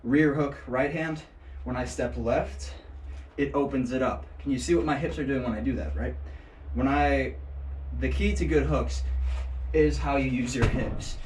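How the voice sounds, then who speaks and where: Speaking a little slowly in a steady, slightly mellow mid-range voice, a man teaches martial arts casually, tossing in jokes and thinking aloud as he demonstrates. An action camera positioned at a distance in the indoor space records him, so there's room echo and faint noise.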